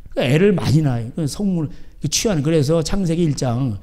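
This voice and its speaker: Lively-pitched preacher man, dark tone. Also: fast talker. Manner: keeps asking the crowd back "예?"; rambling, conversational preaching. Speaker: pastor. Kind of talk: sermon.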